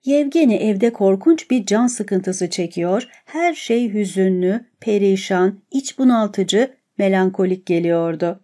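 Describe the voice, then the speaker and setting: Woman reading a novel out loud, calm and measured, warm mellow voice. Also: mid-range voice. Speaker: audiobook narrator. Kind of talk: scripted narration of a novel.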